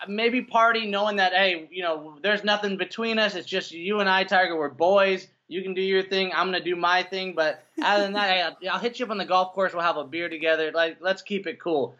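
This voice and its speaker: A man's voice: sits high, fairly even intonation, fairly quick, few pauses, sharp tone. A man co-hosting a casual sports chat, playful and enthusiastic, laughing often. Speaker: co-host. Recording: dull lo-fi sound.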